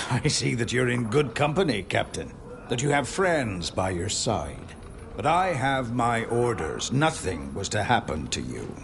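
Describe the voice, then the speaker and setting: An actor playing a mysterious hooded stranger in a video game, a dutiful guard who speaks in a guarded, formal, courteous way. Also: male voice, mid-range voice, very animated, unhurried. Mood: measured, dutiful. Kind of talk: video game dialogue acting. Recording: clear background noise and ambience.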